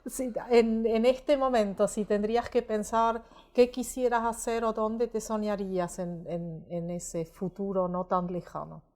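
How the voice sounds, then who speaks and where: A woman asking gentle, friendly interview questions. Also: medium pitch, steady tone, unhurried, hardly any pauses. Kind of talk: casual interview.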